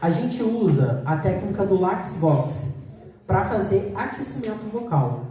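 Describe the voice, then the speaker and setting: A woman's voice: medium pitch, lively intonation, measured pace, noisy background. A woman speech therapist giving a choir an informal, practical talk on voice exercises, explaining in a conversational way. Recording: echoey room, voice from a distance.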